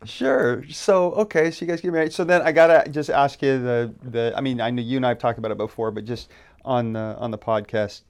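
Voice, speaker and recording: A man's voice: medium pitch, brisk, clean tone. A man hosting a podcast in casual chat, reacting with short affirmations and asking follow-up questions. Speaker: podcast host.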